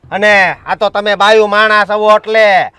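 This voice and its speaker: A man's voice: high-pitched, steady tone, unhurried, pushed and bright, smooth, no room sound. A man playing a stubborn village enforcer in a short film, bossy and threatening. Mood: stern. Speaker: village strongman blocking the road. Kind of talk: short film drama acting.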